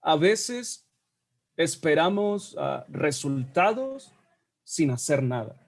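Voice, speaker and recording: High-voiced man teaching a Bible class. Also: very animated, takes it slowly, gravelly. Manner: conversational, checks in with frequent tag questions.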